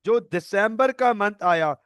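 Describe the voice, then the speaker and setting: A man's voice: high voice, takes it slowly, a bit bright, smooth, dry recording, clean studio sound. A male accounting tutor giving an online lecture, playfully acting out scenarios and mixing in English terms.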